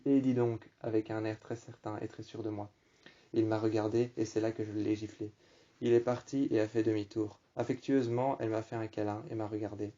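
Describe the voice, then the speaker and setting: A man narrates a first-person story, slowly restating each phrase. His voice is very dark and flat in pitch. The recording sounds dull and lo-fi. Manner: slow, halting, repeats and rephrases phrases.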